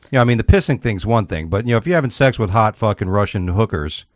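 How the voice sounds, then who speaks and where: A man with a lowish voice chats in crude, opinionated banter, swearing freely and often breaking into laughter. The sound is dry and close, with no room around it. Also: expressive, fast, no echo.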